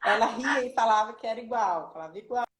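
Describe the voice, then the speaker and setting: A woman's voice: a little high, fast talker, slight background noise. A woman from Rio de Janeiro with a Brazilian accent, a human rights official chatting casually as a guest and vividly acting out stories. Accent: Brazilian Portuguese, Rio de Janeiro. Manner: animated storyteller, acts out quoted voices. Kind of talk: casual chat, storytelling. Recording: roomy echo.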